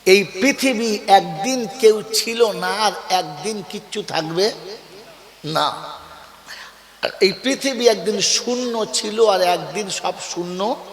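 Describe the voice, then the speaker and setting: A man's voice: high-pitched, takes it slowly, echoey room, long reverb tail. A man preaching a sermon to a gathering, calling out questions for the crowd to answer and telling folksy stories with acted quotes. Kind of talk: Bengali waz sermon to a crowd.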